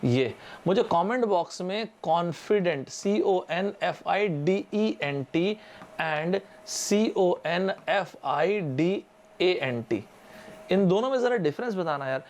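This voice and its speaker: In a live online lesson for exam aspirants, a young man from India teaches vocabulary in a slightly high, animated, somewhat mellow voice at a slow pace. He's loose and chatty, spelling words out letter by letter and repeatedly inviting viewers to reply in the comments.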